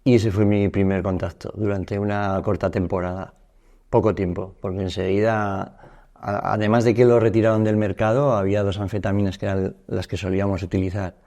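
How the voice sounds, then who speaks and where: A man in his fifties from Spain tells his own story to an interviewer in a low, mellow voice. He speaks haltingly and keeps restarting his sentences. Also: little pitch movement. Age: 50s. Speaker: guest.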